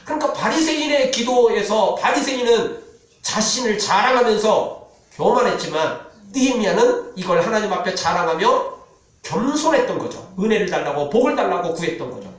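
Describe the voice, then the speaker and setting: A male pastor preaching a sermon with animated delivery, dropping to a solemn tone for scripture. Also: high voice, normal speed. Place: church sanctuary. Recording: echoey church hall, mic from a distance.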